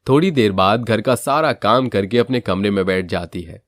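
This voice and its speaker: Guy narrating a cartoon story, lowish voice, dry close sound. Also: lively intonation, moderate pace, no echo.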